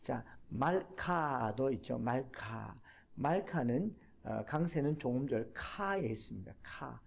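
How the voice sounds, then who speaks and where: A man lecturing to a class, explaining step by step, repeating key terms and pausing with fillers. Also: medium pitch, expressive, vocal fry.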